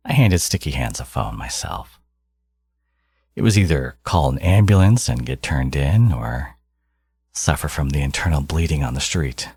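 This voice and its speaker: A man acts out a smug, gloating supervillain genius in an intimate audio roleplay, taunting his hero with possessive, doting arrogance. His voice is extremely low, slow, creaky and darkish with a breathy edge, delivered in a heavily acted, teasing drawl that swings widely in pitch. There's no room sound.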